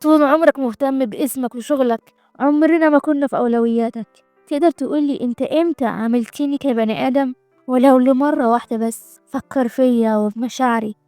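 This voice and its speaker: A woman with an Egyptian Arabic accent voicing a cold, scheming young man who speaks quietly and calmly. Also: mid-range voice, fast talker, creaky, no echo, faint music behind, close to an everyday voice. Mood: calm menace. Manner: quiet and calm, menacing.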